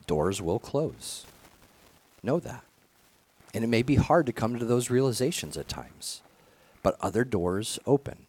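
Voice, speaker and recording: A man's voice: medium pitch, big pitch swings, unhurried, pauses often, darkish tone, slightly rough. A man preaching a conversational sermon as pastor, earnest, often restarting phrases and adding fillers.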